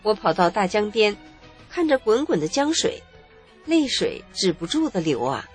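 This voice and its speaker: A woman's voice: medium pitch, sing-song, normal speed, breathy edge, faint music behind. A woman, earnestly narrating her own life story in the first person. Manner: emotional, earnest recounting.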